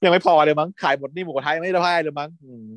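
A man's voice: fairly high pitch, fairly even intonation, racing, a bit bright. A man co-hosting a podcast, casually and animatedly retelling a series and acting out the characters' lines. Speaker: podcast co-host recapping a series. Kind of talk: casual chat.

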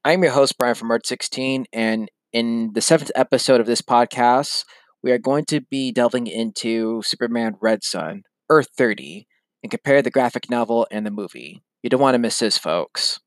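A man's voice: medium pitch, moderate pace, no room sound, clean studio sound. A man hosting his own podcast, talking to his listeners in an easygoing, conversational way. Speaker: podcast host. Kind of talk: casual solo podcast talk.

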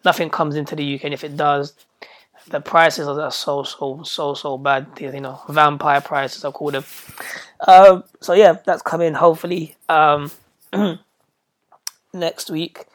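A British host chats through a casual podcast, his throat still a little hoarse from being ill. He rambles along in a flat, even tone with hardly any rise or fall, trips over his words and repeats them, and drops slang as he goes. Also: mid-range voice, unhurried. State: hoarse, recovering from illness.

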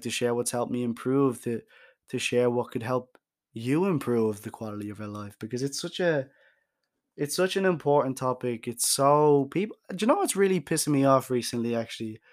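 A young man speaks openly into his own podcast mic, frank and emphatic. He swears now and then for emphasis and often restarts his sentences. His voice sits at an ordinary middle pitch. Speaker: podcast host. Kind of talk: candid solo podcast monologue.

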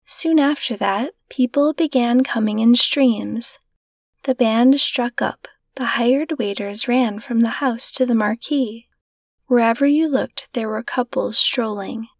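A woman narrating a classic short story in a gentle, measured reading voice. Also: a little high, no room sound, clean studio sound. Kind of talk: scripted narration.

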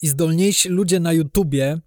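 A man's voice: a little high, normal speed, darkish tone, no room sound, studio quality. A man co-hosting a podcast, chatting casually about film with sarcastic, exasperated rants. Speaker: podcast co-host.

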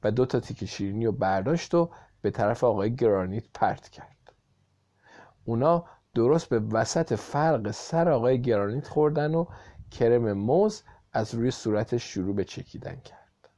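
A man narrating a children's storybook in an expressive reading. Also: medium pitch, dry recording, clean studio sound. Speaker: audiobook reader.

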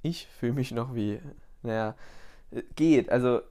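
Young man, podcast co-host, casual chat, teasing, middle pitch. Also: unhurried, mellow. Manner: teasing, joking.

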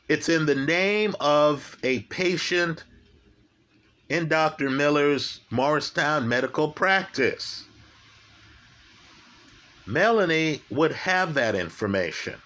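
Fairly high-pitched, expressive, and sharp in tone, a male true crime commentator breaks down a criminal case. His pace is slow and deliberate; he hammers home key facts by repeating them and checks in with listeners with a frequent "right?"

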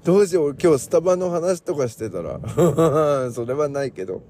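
A man hosting a casual solo morning podcast, chatty and digressive, joking along and filling pauses with lots of fillers. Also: fairly high pitch, warm tone, a little hiss or hum. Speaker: podcast host.

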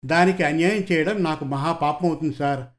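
A man's voice: a little high, brisk, natural voice. A man voicing a meek young male detective's assistant, speaking in a pleading, plaintive way.

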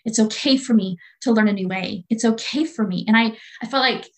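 With a fairly high pitch and a slightly quick pace, a woman in her late forties shares earnest, heartfelt thoughts as a guest in a faith-based discussion. She frequently repeats what she says.

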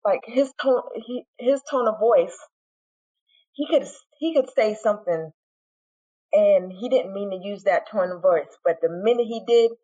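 A woman's voice: mid-range voice, measured pace, warm tone, dull audio. A woman giving an earnest personal testimony, repeating phrases and acting out what was said to her. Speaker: guest sharing her story.

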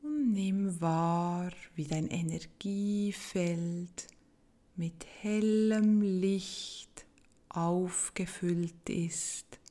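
A woman guiding a meditation in a soft, gentle, hushed and breathy voice, leaving long pauses between phrases. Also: on the low side, steady tone. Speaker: meditation guide. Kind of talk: guided meditation narration.

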